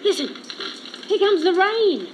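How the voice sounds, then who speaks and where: A woman playing a brisk, bossy Australian lady detective. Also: very high voice, very animated, heavy background noise, full character voice. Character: brisk female detective, bossy divorced wife. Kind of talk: radio comedy acting.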